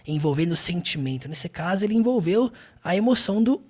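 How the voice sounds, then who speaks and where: An English teacher with a Brazilian Portuguese accent, explaining film clips and repeating phrases slowly with frequent tag questions. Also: medium pitch, lively intonation, a little mellow.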